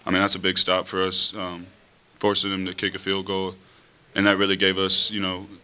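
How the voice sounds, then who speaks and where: A young man, a college quarterback, answering at a post-game press conference in a relaxed, easy way at a table mic. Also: sits low, fairly quick, clean tone. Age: young adult. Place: press room in front of a team backdrop. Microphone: table mic on a stand.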